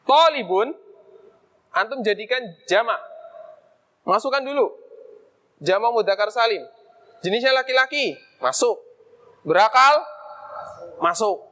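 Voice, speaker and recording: A man's voice: sits high, lively intonation, unhurried, long pauses, bright, forceful tone. A man teaching an Arabic grammar lesson in a mosque, explaining casually and asking himself questions aloud as he goes.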